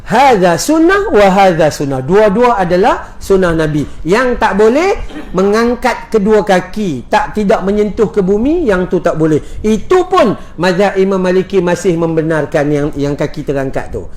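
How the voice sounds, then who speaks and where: Joking Malaysian religious teacher, slightly high voice. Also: male voice, moderate pace. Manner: lively, joking, explains step by step. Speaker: religious teacher answering questions. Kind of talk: religious Q&A lecture.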